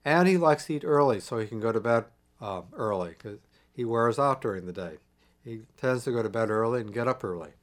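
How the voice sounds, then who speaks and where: A middle-aged man with an expressive, mid-range voice tells a personal family story. He's reflective and conversational, pausing and restarting along the way.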